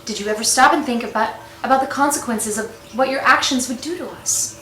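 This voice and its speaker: A woman's voice: fairly high pitch, a little fast, pushed and bright, distant mic, a little hiss or hum. A woman playing an indignant sister who confronts her sister's cheating husband, in rehearsed scene work for an acting class. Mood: accusing. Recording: echoey room.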